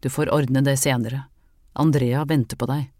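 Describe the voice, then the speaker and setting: A woman reading the part of a gentle, weary husband in an audiobook, speaking low and tender. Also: fairly even intonation, dry recording, studio quality. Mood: dark, stern. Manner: soft, low and tender, turning dark.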